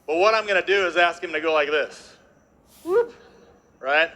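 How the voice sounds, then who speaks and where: On stage before a live audience, a man presents with energy and humor, constantly working the crowd with tag questions. His voice sits on the higher side and moves at a normal speed.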